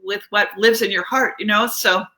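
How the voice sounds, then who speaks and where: A middle-aged or older woman, appearing as a guest children's author, chats casually in an interview, explaining things a little hesitantly. Her voice is medium-pitched, pushed and bright, with fairly even intonation at normal speed.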